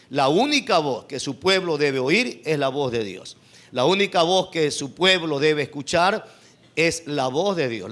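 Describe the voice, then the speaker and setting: A man's voice: fairly high pitch, fairly bright tone. A man from Ecuador preaching a sermon, repeating phrases and asking the congregation rhetorical questions.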